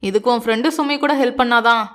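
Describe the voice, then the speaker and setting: A self-assured young groom who teases warmly and speaks quickly in a lowered, easy voice, as a woman storyteller puts him on. He talks with bold, affectionate confidence. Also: steady tone, lightly acted. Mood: teasing.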